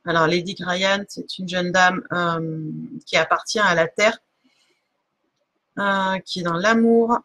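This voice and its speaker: A woman's voice: lowish voice, steady tone, takes it slowly, fairly bright tone. A woman giving a live oracle card reading on a stream, casual and hesitant, stopping often to search for words. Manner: many fillers and restarts, laughs at herself.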